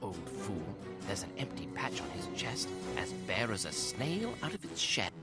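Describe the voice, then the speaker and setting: A man's voice: fairly low pitch, big pitch swings, moderate pace. A man playing a small, polite, plucky hobbit burglar in a video game, with an eager, theatrical delivery. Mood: musing. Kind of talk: video game hero acting. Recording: music over the voice.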